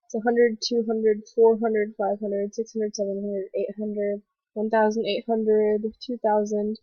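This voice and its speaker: A young woman with a stuffy cold voice hosting a casual gaming commentary vlog, rambling excitedly with lots of fillers. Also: medium pitch, unhurried, no room sound. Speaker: gaming video host. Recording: dull lo-fi voice recording.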